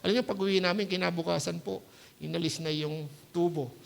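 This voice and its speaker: A male pastor preaches to his congregation in a loose, conversational way, slipping English words into his Tagalog and often stopping to ask "Hello?" His voice sits high for a man. It has a noticeable gravelly rasp. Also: steady tone, brisk. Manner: keeps asking the congregation "Hello?" to check they follow. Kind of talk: sermon. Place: church service.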